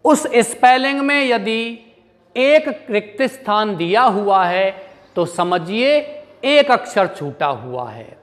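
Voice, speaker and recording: A man's voice: high-pitched, in a large hall. A male teacher with an Indian English accent gives a grammar lesson, asking his pupils questions and then answering them himself, and spelling words out letter by letter.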